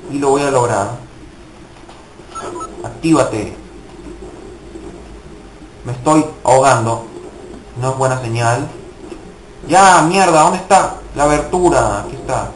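A man's voice: medium pitch, lively intonation, takes it slowly, long pauses, reverberant, a little hiss or hum, low-quality recording. A young man casually commenting on his gameplay, swearing and mocking himself in frustrated outbursts. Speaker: gaming video host.

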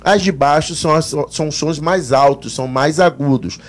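A man's voice: fairly high pitch, normal speed. A man teaching physics on a live exam-prep broadcast, speaking with a Brazilian Portuguese accent and acting out students' questions. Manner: animated explanations, voices students' questions.

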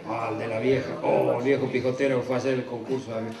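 A man's voice: medium pitch, little pitch movement, fast talker. An Argentine man telling folksy rural jokes with country slang to a live audience from a stage. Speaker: comedian. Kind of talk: live rural stand-up storytelling. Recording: echoey hall with a distant mic, crowd and noise.

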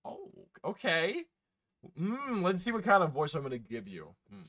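Male streamer, casual live game commentary, bright-ish voice, very animated pitch, swears a lot. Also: normal speed. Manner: chatty, swears, laughs, talks to chat.

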